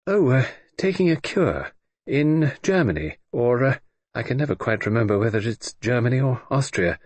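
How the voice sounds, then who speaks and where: A man's voice: mid-range voice, sing-song, moderate pace, darkish tone, husky. A man reading an audiobook, voicing a tactful young female companion who speaks politely and hesitantly.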